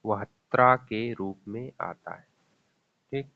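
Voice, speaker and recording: A man with a lowish voice gives a grammar lesson at a slow, patient pace. He repeats each example and quizzes the viewer as he goes. The sound is thin and tinny, like a phone line. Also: creaky. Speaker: teacher.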